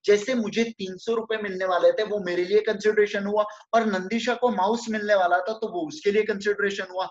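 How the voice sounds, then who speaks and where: A man lecturing with an Indian accent, reading English definitions slowly and explaining them in chatty Hindi full of rhetorical questions, calling his students friends. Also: high-pitched, steady tone, muffled recording. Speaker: chartered accountancy lecturer.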